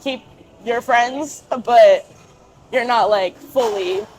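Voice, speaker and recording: Higher-voiced young woman chatting informally. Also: takes it slowly, darkish tone, slight background noise, low-quality recording. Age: young adult. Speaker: interview guest. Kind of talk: casual conversational interview.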